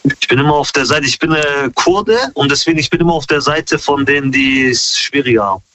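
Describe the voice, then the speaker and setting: A man in his thirties chatting casually in an interview, relaxed and slangy with many fillers. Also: mid-range voice, brisk, low-quality recording. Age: 30s.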